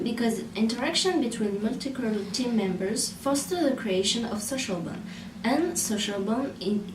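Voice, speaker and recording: A woman from France with a French accent, giving a student presentation in an earnest, explanatory way. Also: a little high. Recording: roomy echo, distant mic, background noise.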